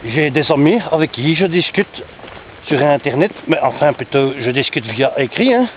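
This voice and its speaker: A broad-accented Brussels man holds forth in a chatty, self-mocking way, as a walker hams up his own accent. The voice sits a little high and the audio is dull, with clear wind noise over the camera mic outdoors. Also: animated, normal speed, lightly acted. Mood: playful. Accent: thick Brussels French. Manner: exaggerated, playful, chatty asides. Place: outdoors on a country walk. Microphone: handheld camera.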